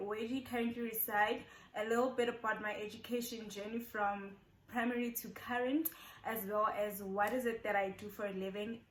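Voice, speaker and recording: A young South African woman in her twenties, chatting casually to her channel and repeating points for emphasis. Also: mid-range voice. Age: 20s. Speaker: YouTuber. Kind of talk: casual get-to-know-me chat. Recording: echoey room.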